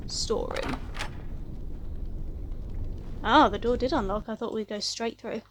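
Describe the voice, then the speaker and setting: High-voiced woman doing casual gaming commentary. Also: measured pace, a little hiss or hum. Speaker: gaming video host. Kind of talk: casual let's play commentary.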